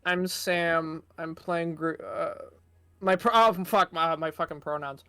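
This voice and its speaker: A player on a tabletop game stream, chatting excitably, swearing freely and joking at their own expense. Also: mid-range voice, unhurried, a little hiss or hum. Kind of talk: casual chat during a game stream.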